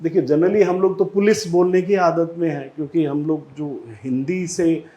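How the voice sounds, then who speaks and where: A man with an Indian accent teaching an exam-prep English lesson, explaining slowly and repeating each word for drill. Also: fairly high pitch, steady tone, dark tone, dull audio.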